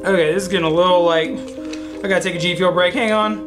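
A man's voice: high voice, fairly even intonation, fast talker. A young man, a YouTuber, casually introducing and commenting on a phone story game, speaking into a studio mic in a dim room at home. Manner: casual, chatty and a little goofy. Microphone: studio mic with pop filter on boom arm. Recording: music playing loudly behind.

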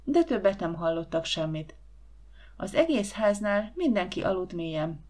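Woman, audiobook narrator, gentle even storytelling, mid-pitched voice.

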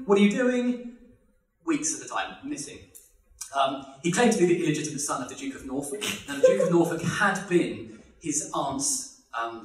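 A man telling a funny history story with lively energy, laughing often and acting out the voices in it. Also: a little high. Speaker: podcast guest telling history anecdotes. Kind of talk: comic storytelling. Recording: roomy sound from a distance.

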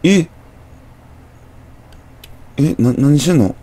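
A man's voice: a little high, animated, drawn-out words, warm tone. A young man with a Kansai accent, chatting through a horror game, muttering to himself with jumpy exclamations. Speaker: gameplay commentator. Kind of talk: horror game let's play commentary.

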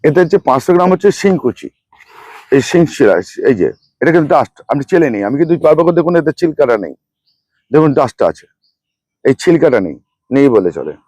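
Middle-aged guy doing a garden how-to, quick talker, kinda high voice, dry close sound. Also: sing-song, a little mellow, no room sound, lo-fi sound. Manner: chatty, repeats amounts and names of each ingredient. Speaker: rooftop gardening channel host. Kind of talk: hands-on gardening demonstration.

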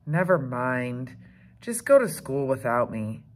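A woman's voice: a bass voice, big pitch swings, slow pace, heavily acted. A woman reading aloud, voicing a stubborn, dramatic schoolgirl who pleads and whines. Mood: whiny. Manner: whiny, pleading.

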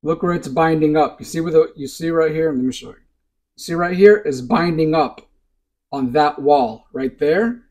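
Guy on his hobby channel, kinda high voice, keeps saying look, see right here, at the workbench. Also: normal speed, a little mellow, low-quality recording. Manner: insistent, repeats short pointers like "look" and "see". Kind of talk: hands-on demonstration to camera. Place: indoors at a workbench.

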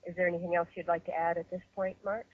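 A woman hosting and facilitating a webinar call, speaking in a measured way with many fillers and restarts. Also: on the low side, flat delivery, a little hiss or hum. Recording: muffled phone-line webinar audio.

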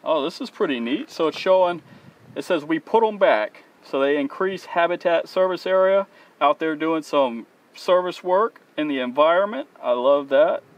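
A man's voice: a little high, animated, moderate pace, muffled recording. A man in his thirties hosting a fishing channel, chatting eagerly to viewers as he unboxes gear on a dock. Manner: enthusiastic, chatty, addresses viewers as guys. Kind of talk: casual product unboxing. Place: outdoors on a dock by open water.

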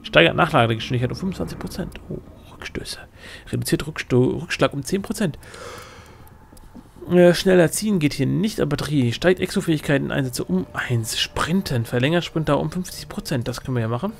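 A man's voice: on the high side, a little fast, vocal fry. A man giving casual commentary as he plays a video game, reacting aloud and talking back to the characters. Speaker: gamer commenting on own play. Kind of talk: casual let's play commentary.

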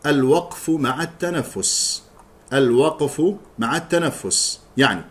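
A man teaching Quran recitation, chanting verses slowly and drilling correct pronunciation between quick explanations. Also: medium pitch, expressive. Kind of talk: recitation lesson.

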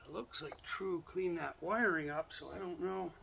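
A man's voice: sits high, normal speed, vocal fry, sharp tone. A middle-aged man vlogging at an outdoor campsite, muttering and cursing at himself while he works on gear. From Canada. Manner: self-mocking, mutters and swears to himself while working. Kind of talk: casual solo vlog talk. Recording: noisy outdoor camera audio.

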